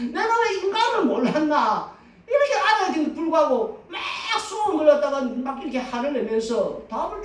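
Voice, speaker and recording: Animated woman pastor, echoey and distant. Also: sits high. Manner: animated, laughs often, acts out quoted voices. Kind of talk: Sunday sermon. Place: church sanctuary. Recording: roomy echo from a distant mic.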